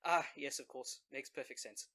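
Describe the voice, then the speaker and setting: A man's voice: mid-range voice, moderate pace, sharp tone. A man playing a tabletop role-playing game, chatting casually and speaking in character.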